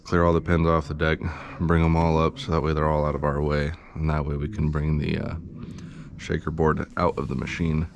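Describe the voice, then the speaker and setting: Deep gravelly-voiced man, slow and subdued. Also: little pitch movement, dull audio. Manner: subdued, low-energy, thinking aloud. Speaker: pinsetter mechanic. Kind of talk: casual how-to tutorial. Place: bowling alley machine pit.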